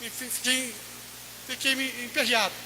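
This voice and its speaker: High, bright-voiced male preacher. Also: level tone, moderate pace, slight background noise. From Brazil. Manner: impassioned, rising to near-shouted peaks. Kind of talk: sermon testimony. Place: church.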